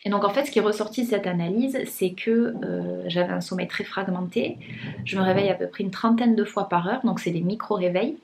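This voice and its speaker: Speaking to her vlog audience in a casual chat to camera, this young woman from France has a medium-pitched voice with vocal fry and a fairly quick pace. She sounds congested, stumbles through lots of fillers and restarts, and there is a little hiss or hum in the audio.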